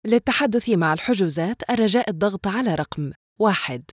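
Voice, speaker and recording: Brisk, polite woman reading phone prompts. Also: mid-range voice, lively intonation, dry recording, clean studio sound. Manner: polite, formal, clearly enunciated. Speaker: phone system voice prompt announcer. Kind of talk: scripted phone menu prompts.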